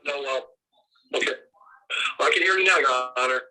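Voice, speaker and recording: A man's voice: medium pitch, normal speed, bright, forceful tone, low-quality recording. A man acting as a defense attorney in a virtual court hearing, speaking informally, his voice played through a phone speaker and picked up again by a second mic. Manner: plain, informal, loose phrasing.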